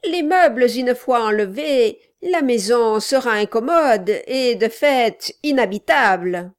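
A woman reading aloud voicing a scheming male dwarf who talks loudly and insistently with false friendliness. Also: a little high, animated, takes it slowly, pitched above the performer's own voice. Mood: pushy.

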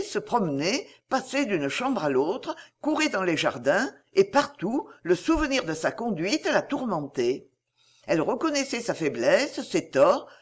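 A woman narrating a classic novel as an audiobook, her voice husky and breathy at mid pitch. Her reading is expressive and measured, with intonation that rises and falls in a lively way. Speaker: audiobook reader.

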